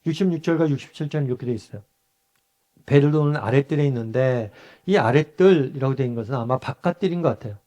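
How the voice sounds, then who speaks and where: A man's voice: medium pitch, quick pace, mellow. A male pastor from Busan teaches a Bible study in a conversational way. He asks the group questions, answers them himself, and acts out short quoted lines in a raised voice. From Busan, South Korea.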